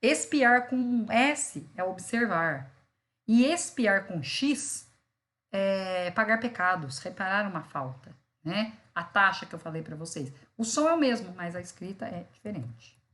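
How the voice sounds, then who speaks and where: A woman's voice: medium pitch, expressive, measured pace, a bit bright. A Brazilian woman lecturing, explaining word meanings through examples and checking in with "né" and "tá". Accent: Brazilian Portuguese. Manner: explains with examples, many fillers like "né" and "tá". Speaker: law school teacher. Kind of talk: online lecture on vocabulary.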